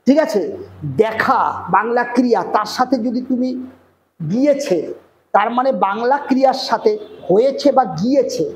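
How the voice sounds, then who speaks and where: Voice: mid-range voice, a little mellow. A teacher giving a classroom grammar lesson, explaining step by step and often checking that the class understands. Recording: echoey room with faint noise.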